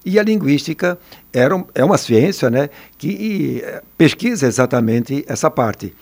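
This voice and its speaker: An older man, a former teacher telling stories in a relaxed interview and often ending phrases with a tag question. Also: fairly high pitch, normal speed, gravelly. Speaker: retired teacher and education adviser. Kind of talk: casual interview storytelling.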